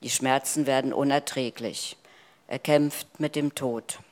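Slow, solemn male preacher. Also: mid-range voice, steady tone. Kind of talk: sermon.

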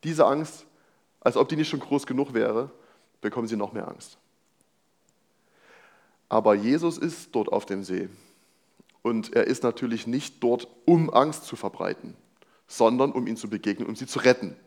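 A man's voice: medium pitch, normal speed, long pauses, darkish tone. A young man preaching a sermon, reading a Bible passage and explaining it in a casual, conversational way with rhetorical questions.

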